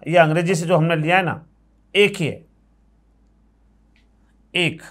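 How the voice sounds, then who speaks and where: Man teaching grammar, slightly high voice. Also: a bit bright. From India. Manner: explains patiently, repeats words slowly, asks the class yes or no. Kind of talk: classroom lecture at a board.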